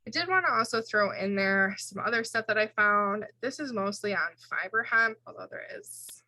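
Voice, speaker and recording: Bright-voiced woman lecturing over slides. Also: mid-range voice, expressive, normal speed, no room sound, poor audio. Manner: casual, explains tables with fillers and self-corrections. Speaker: instructor.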